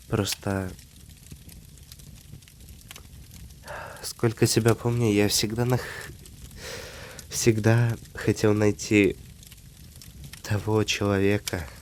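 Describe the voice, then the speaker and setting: Man playing slow, low-voiced tender vampire husband, soft ASMR. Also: a little hiss or hum. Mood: loving, grateful. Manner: slow, intimate, hesitant phrasing with pauses. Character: tender, devoted half-vampire husband talking to his wife. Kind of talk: soft ASMR romantic role-play.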